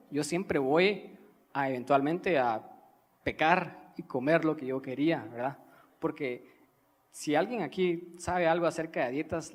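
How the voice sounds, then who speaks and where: A young man from Guatemala, preaching a sermon in an earnest teaching manner, pausing to stress key words. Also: fairly high pitch. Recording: reverberant church hall.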